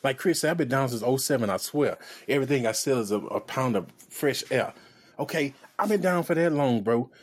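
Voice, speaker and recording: A mid-range male voice moves briskly as this sneaker podcast co-host goes on an animated, expletive-heavy rant. He mocks others by putting on exaggerated voices.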